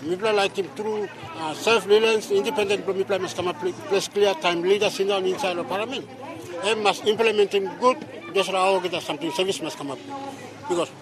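A man with a Papua New Guinean accent speaking Melanesian pidgin outdoors, giving his opinion in repetitive, list-like phrases. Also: sits high. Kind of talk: vox pop on an election, in Melanesian pidgin. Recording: outdoor street with crowd noise.

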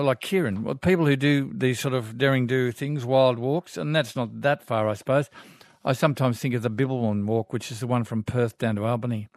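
An older Australian man hosts a talkback radio show, reading out listeners' letters in a relaxed, folksy manner. His slightly mellow voice has a medium pitch, sitting mid-range for a man. He's captured close and dry on a studio microphone.

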